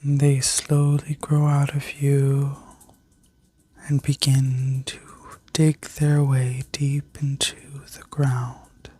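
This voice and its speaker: A woman whispering a soothing guided meditation in an ASMR style, like a sleep story narrator, gently giving instructions with a breathy voice. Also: rumbling low, completely flat delivery, slow pace, dry recording. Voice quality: breathy, mostly unvoiced whisper. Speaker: ASMR reiki healer and video host.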